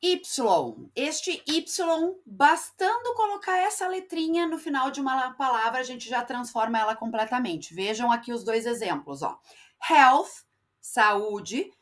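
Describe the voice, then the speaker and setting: A woman's voice: high voice, very animated. Woman teacher explaining with constant checks. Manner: explains slowly, drawing out English example words; frequent checking tags like "tá?" and "né?". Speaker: English teacher. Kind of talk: classroom explanation.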